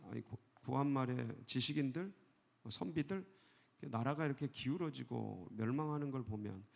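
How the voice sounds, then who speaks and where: A male pastor giving an early-morning sermon in a church, talking conversationally with rhetorical questions and soft chuckles. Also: medium pitch, creaky. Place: church sanctuary. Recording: long hall reverb.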